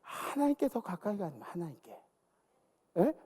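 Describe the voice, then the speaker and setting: A man's voice: sits high, very animated, normal speed, dark tone, slight background noise. A male pastor preaching a sermon, exhorting and calling out to his congregation. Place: large church sanctuary. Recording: long church hall reverb.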